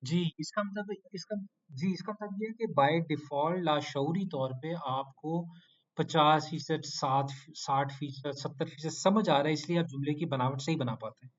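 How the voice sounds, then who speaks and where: A man with a fairly high voice teaches an online Quranic Arabic class. He quizzes his students with short prompts and coaxes answers out of them. He playfully scolds them into doing their homework, and the lo-fi audio sounds a little muffled. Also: moderate pace.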